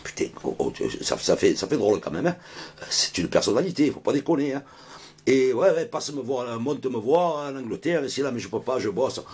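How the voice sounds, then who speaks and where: A man's voice: medium pitch, big pitch swings, a little fast, a little mellow, husky. A middle-aged man telling a comic anecdote in a rambling, slangy way, full of fillers. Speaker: storyteller.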